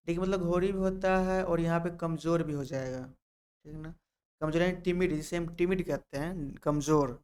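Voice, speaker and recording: A man from Bihar, India, gives a vocabulary lesson on English word meanings, repeating every word and spelling it out letter by letter. His voice is on the high side and creaky, with a clean tone.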